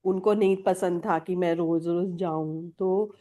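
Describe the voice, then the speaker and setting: Woman, Kolkata, interview guest: warm, mellow tone, candid storyteller who laughs readily. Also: lowish voice, fairly even intonation, a little slow. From Kolkata, India. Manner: candid storytelling, mixing English words into Hindi, laughs often. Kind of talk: personal testimony in conversation.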